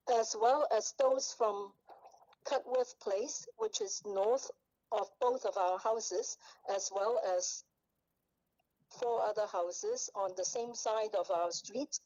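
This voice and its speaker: A woman's fairly high voice comes through a speakerphone held up to a microphone, dulled and boxy. She reads a formal statement as a neighbor at a hearing, slowly and with many hesitant fillers and restarts. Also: darkish tone, lo-fi sound. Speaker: neighbor giving testimony at a public hearing.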